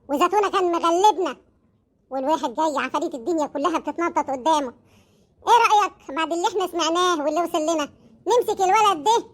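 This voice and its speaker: A woman voicing a rough, scheming Egyptian village man who gloats and threatens. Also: extremely high pitch, a bit bright. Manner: gloating, menacing.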